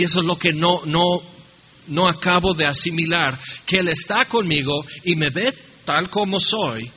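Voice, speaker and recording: A man's voice: a little high, pushed and bright, slightly rough. A man preaching a sermon in a conversational way with humorous asides. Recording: dull, slightly lo-fi recording in a reverberant hall.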